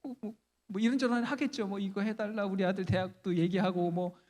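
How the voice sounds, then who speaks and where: Male guest lecturer, teaching in a chatty, humorous way and quizzing the crowd; a slightly high voice carrying through a reverberant chapel. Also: steady tone, fairly quick, darkish tone. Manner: chatty, asks the audience questions, humorous. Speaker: guest lecturer at a church Bible conference. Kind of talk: conversational Bible lecture. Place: large church chapel.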